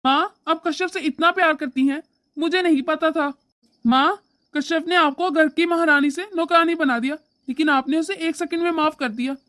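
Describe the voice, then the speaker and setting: A woman voicing a young husband in an animated family story, lecturing his wife and doting on his mother. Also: high-pitched, moderate pace, no room sound, studio quality. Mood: scolding. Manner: scolding, lecturing. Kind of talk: animated moral story voice acting.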